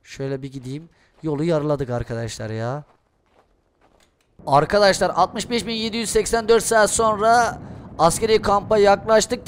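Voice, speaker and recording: Excitable high-voiced young gaming streamer. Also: male voice. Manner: excitable, swears and shouts at the game. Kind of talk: Let's Play commentary. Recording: noisy gameplay audio behind voice. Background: game sounds and ambience.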